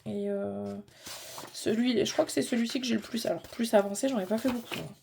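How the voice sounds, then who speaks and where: A woman's voice: a little high, fairly even intonation, a little fast, vocal fry, darkish tone, a little hiss or hum. A middle-aged woman chatting casually in a hobby vlog, informal and rambling as she thinks aloud. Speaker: vlogger.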